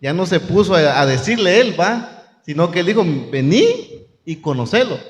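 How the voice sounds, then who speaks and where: A woman's voice: on the low side, expressive, moderate pace, long reverb tail. A woman hosting a church panel talk, asking thoughtful questions with many restarts.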